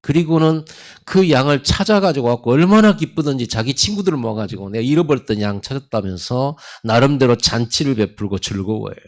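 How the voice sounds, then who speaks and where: Lively storytelling Korean pastor, man. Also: a little fast, hardly any pauses. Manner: storytelling sermon with lively pitch swings; acts out God's and Jonah's lines in quotes. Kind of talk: sermon.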